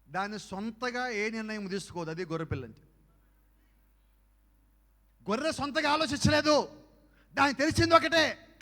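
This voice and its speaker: A man preaching a youth sermon, firing rhetorical questions at the crowd and swinging between soft asides and loud exhortation. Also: extremely high pitch. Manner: fires rhetorical questions at the audience. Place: youth camp meeting hall. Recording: echoey hall with long reverb.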